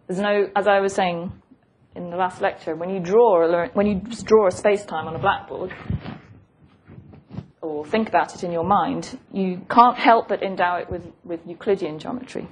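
A woman's voice: fairly low pitch, steady tone, normal speed. A woman giving an academic lecture, explaining in a thoughtful, professorial way, hesitating and repeating phrases as she goes. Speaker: physics lecturer. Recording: noisy lecture recording with clicks.

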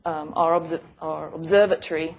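A woman's voice: deep voice, steady tone, moderate pace, a little mellow. A woman giving an academic lecture, explaining in a thoughtful, professorial way, hesitating and repeating phrases as she goes. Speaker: physics lecturer. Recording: noisy lecture recording with clicks.

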